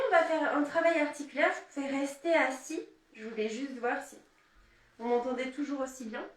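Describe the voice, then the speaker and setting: High-voiced woman teaching yoga, far off. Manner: calm, guiding, counts aloud and checks in with "ok?". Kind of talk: live yoga class instruction. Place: room, indoors. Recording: echoey room, voice from far off.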